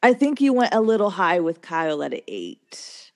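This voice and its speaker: A woman co-hosting a casual chat, laid-back and quick to laugh. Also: fairly low pitch, wildly swooping pitch. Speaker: podcast co-host.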